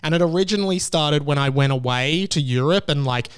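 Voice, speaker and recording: Here a man talks alone on his podcast in a slightly high, clear, resonant voice at a fairly quick clip. The chat is casual, candid and meandering, and he frequently cuts himself off and starts over.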